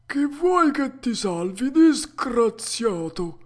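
A woman's voice: a little high, very animated, pitched above the performer's own voice, full character voice. A woman voicing a resigned, philosophical old male tuna with a harsh, cracked voice, reading a storybook aloud. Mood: grim. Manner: slow, grave and sententious.

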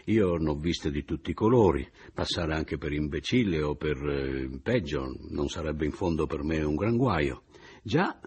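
Man narrating an audiobook, deep low voice, husky rasp, theatrical first-person reading. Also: darkish tone.

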